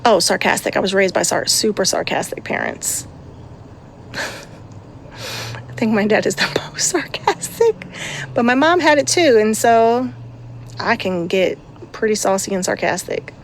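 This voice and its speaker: A woman in her thirties chats casually to her vlog audience at an unhurried pace. She laughs often and slips in sarcastic asides. Faint background noise sits under her voice. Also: medium pitch, sing-song, gravelly. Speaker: vlogger and mother. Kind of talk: casual chat.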